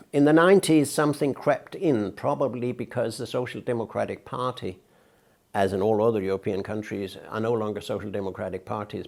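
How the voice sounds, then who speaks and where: A man's voice: fairly low pitch, creaky, darkish tone. An older man from Denmark, giving outspoken, emphatic interview answers as a guest. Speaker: interview guest, peace researcher.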